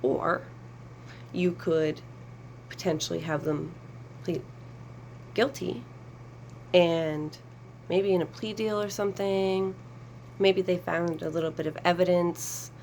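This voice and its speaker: A woman's voice: lowish voice, steady tone, slow, long pauses, a little mellow, slight background noise, poor audio. A woman advocate speaking earnestly to camera, explaining a process with emphasis and sarcasm. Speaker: survivor advocate.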